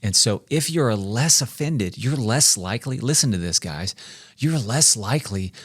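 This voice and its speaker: A man's voice: medium pitch, animated, normal speed, husky, dry recording. A man in his forties co-hosting a faith-based leadership podcast, emphatic and speaking directly to listeners. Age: 40s. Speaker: podcast co-host.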